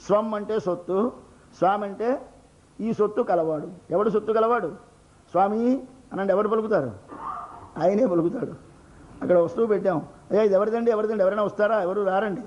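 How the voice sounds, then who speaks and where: A man's voice: high-pitched, a little mellow, dull audio. An older man with a Telugu accent delivering a devotional sermon, explaining by asking and answering his own questions and acting out little everyday scenes. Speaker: religious discourse speaker.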